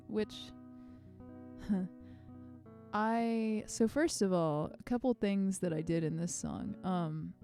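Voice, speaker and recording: Hosting a livestream of her release party, a young female musician rambles in a self-deprecating, casual way through her home streaming mic. Her voice is medium-pitched and mellow.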